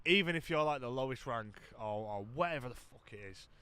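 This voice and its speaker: A man's voice: mid-range voice, animated, a little fast, sharp tone, smooth. A British man co-hosting a podcast in casual banter, talking bluntly and swearing as if drunk. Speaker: podcast co-host.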